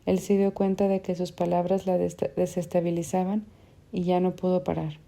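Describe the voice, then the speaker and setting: A woman reading literary fiction aloud as an audiobook narrator, in a measured, even way. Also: on the low side, gravelly.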